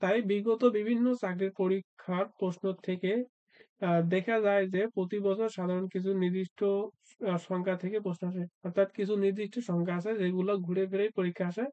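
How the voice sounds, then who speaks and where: A man's voice: high-pitched, little pitch movement, a little fast, dark tone, no room sound, lo-fi sound. A man teaching an exam-prep math lesson, asking himself questions and answering them, with frequent "uh" fillers. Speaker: math tutor.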